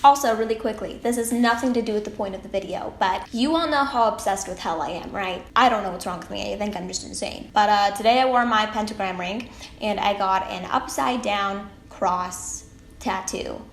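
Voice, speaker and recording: A teenage girl vlogging from her room, chatty and rambling with an upbeat lilt. Her voice sits at a middling pitch and bounces off the walls of an echoey space. A faint hiss lies under the recording. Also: moderate pace. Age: late teens. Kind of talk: casual talk to camera. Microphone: camera mic.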